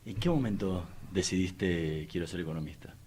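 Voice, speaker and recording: A man's voice: sits low, normal speed, darkish tone, a little hiss or hum. Argentine male radio interviewer. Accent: Argentine Spanish. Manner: asks short probing questions.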